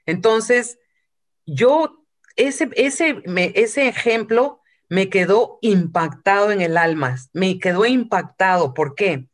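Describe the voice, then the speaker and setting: A woman's voice: medium pitch, lively intonation, slow pace. A woman preaching a sermon from Peru, retelling a story and acting out quotes, with some English phrases.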